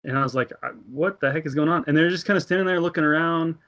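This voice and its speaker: Speaking fast in a slightly high, fairly bright voice, an American man in his thirties earnestly recounts a personal faith story. The talk is a casual religious discussion, and he laughs between thoughts and acts out what the other people said.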